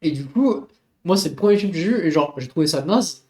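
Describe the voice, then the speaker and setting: A man's voice: on the high side, animated, brisk, warm tone, roomy sound. A man co-hosting a casual live-stream debate, talking in a rambling, hesitant way with many fillers. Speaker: co-host.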